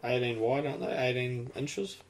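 A man's voice: mid-range voice, steady tone, normal speed. A man chatting casually as host, rambling through technical details and swearing now and then. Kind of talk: casual chat.

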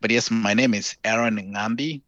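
A man's voice: lowish voice, fairly even intonation, a bit bright, no echo, lo-fi sound. A man in his thirties from Zambia, with a Zambian accent, speaking earnestly and carefully as a guest over a video call. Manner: earnest, measured, hesitant with fillers. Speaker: podcast guest.

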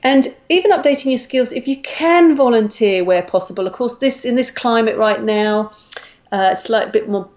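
A woman's voice: a little high, expressive, normal speed, darkish tone, highs cut off. A woman with an Australian accent, a career coach giving advice in a podcast chat, talking in a chatty way with many ums and restarts. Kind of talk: podcast conversation.

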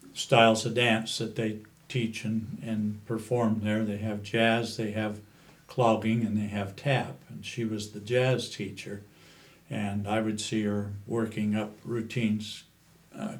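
A man in his seventies with a Western American accent, reminiscing in an interview in a halting, unhurried way. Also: on the low side. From Utah, USA. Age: 70s. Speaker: interview guest, cowboy poet.

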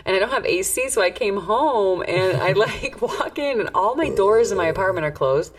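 A woman's voice: medium pitch, expressive, normal speed. An American woman co-hosting a casual podcast chat, joking and slangy, swearing freely. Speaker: podcast co-host.

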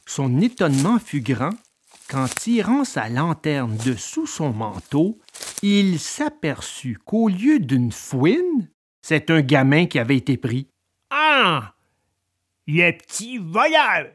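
A woman reading a children's story aloud in an expressive, dramatic manner. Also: deep voice, slow, husky.

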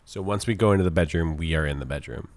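A man playing a tabletop game, talking fast in casual chat and trailing off into mumbled asides. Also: very deep voice, crowd noise. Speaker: player.

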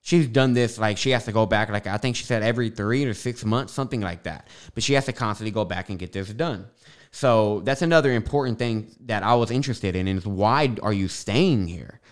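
On a studio microphone, a young man with a lisp hosts a podcast in a fairly low, brisk voice. He chats casually, drifting through a monologue of tangents and filler words.

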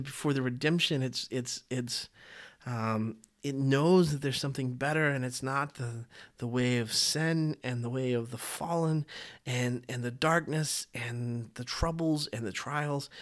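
A man hosting a faith podcast, talking in an earnest, halting way with frequent restarts. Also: medium pitch. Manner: earnest, halting, with many restarts and repeated words. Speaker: podcast host. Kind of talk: casual faith podcast talk.

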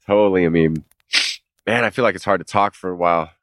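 A low-pitched man co-hosts a podcast at a moderate pace, his tone fairly bright but stuffy and nasal from a cold. He chats casually in a laid-back, rambling way, swearing offhandedly and laughing often. There's no room sound.

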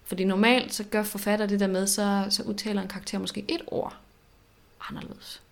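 A woman co-hosting a podcast in casual chat, animated and reflective, often repeating words as she thinks. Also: medium pitch, gravelly. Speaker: podcast co-host.

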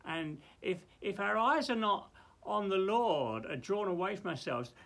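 A man preaching informally in a loft, teaching from the Bible in a halting, exclamatory way and repeating himself as he goes. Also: high voice, expressive, vocal fry, a bit bright.

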